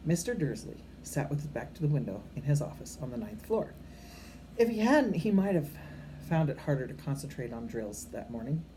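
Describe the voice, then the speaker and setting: Like a grandmother at story time, an older woman with a bass voice reads a storybook to children at a moderate pace. Her homely, unpolished reading is expressive, with the odd stumble she corrects and informal asides to the children. Faint background noise runs through the poor-quality amateur recording.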